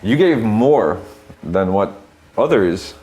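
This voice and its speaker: A woman's voice: extremely low pitch, animated, slow, dark tone, low-quality recording. A woman hosting an interview, prompting her guest with affirming questions and frequent short agreement sounds. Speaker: interviewer host.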